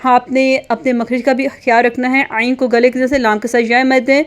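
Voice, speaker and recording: A woman teaching children to read Quranic letters, slowly drilling sounds and repeating them with patient guidance. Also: on the high side, little pitch movement, clean tone. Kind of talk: slow instructional lesson, repeating sounds for children.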